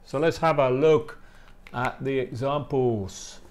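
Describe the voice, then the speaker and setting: A man teaching English in Spanish in a live online class, explaining slowly and patiently and repeating model phrases. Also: mid-range voice, a little mellow.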